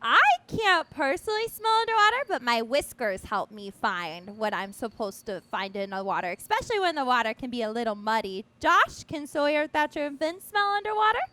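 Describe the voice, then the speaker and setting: A woman voicing a cheerful, playful young otter who giggles and gets excited. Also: sits high, full character voice. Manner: giggly, excited, slow-spoken. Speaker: puppet otter character.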